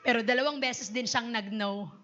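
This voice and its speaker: A Filipino woman pastor preaching a lively sermon, mixing Tagalog and English and calling out "Amen?" to her congregation. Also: on the high side, moderate pace, highs cut off. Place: church.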